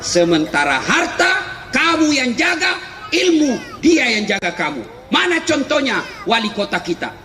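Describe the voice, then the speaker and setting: A middle-aged man preaching a comic sermon, animated, often shouting and laughing through his punchlines. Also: very high voice, measured pace. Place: large hall with a live audience. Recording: echoey hall, faint crowd and noise.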